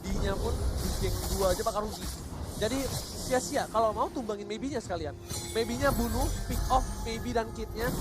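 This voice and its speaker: High-pitched Indonesian male fighting game announcer. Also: moderate pace. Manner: fighting game announcer delivery, dramatic calls. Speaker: esports play-by-play caster. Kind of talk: live Mobile Legends match commentary. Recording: loud music behind voice. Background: music.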